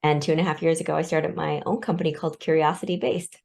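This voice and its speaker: A woman's voice: low-pitched, steady tone, fast talker, gravelly, a little mellow. A woman in her forties, born in Vietnam and raised in Seattle, speaking as an interview guest and explaining her ideas with everyday examples. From born in Vietnam, raised in Seattle, USA. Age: 40s. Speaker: guest, organizational development consultant. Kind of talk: interview conversation.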